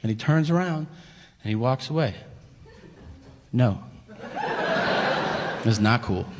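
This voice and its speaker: A man performing a stand-up routine, telling a story with exasperation and acting out flat, deadpan characters. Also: medium pitch, takes it slowly. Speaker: stand-up comedian. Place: comedy stage before a live audience. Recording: long hall reverb, faint ambient noise.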